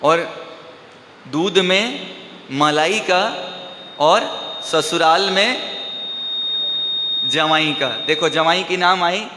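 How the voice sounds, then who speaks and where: A man's voice: on the high side, sharp tone, slight background noise. A man preaching a storytelling sermon. He keeps asking his listeners questions and then answers them himself. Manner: slow, drawn-out storytelling delivery. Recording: echoey hall with faint ambience.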